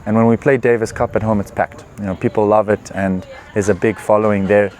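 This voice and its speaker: Male athlete, 20s, lowish voice, relaxed interview answers, faint ambient hiss. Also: a little fast. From Zimbabwe. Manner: relaxed, earnest, with frequent "uh" and "you know" fillers. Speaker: professional tennis player. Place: tournament venue.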